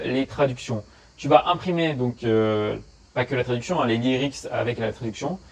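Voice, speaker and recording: Young guy from france rambling tips to the camera, lots of ums, super casual. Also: mid-range voice. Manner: chatty, informal, many fillers, addresses viewer directly. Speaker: YouTuber giving study and travel tips. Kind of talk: casual vlog advice.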